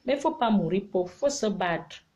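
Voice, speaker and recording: Animated woman giving live advice. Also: medium pitch, fairly quick. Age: middle-aged. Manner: animated, preachy and teasing, mixing scolding with affection. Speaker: live-stream advice giver. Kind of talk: casual live-stream advice talk.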